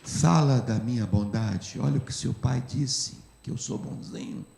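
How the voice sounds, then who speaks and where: Guy doing gentle jesus, soft and low, brazilian accent, echoey church. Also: creaky. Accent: Brazilian Portuguese. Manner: soft, slow, low and quiet. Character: gentle Jesus, calm and hushed.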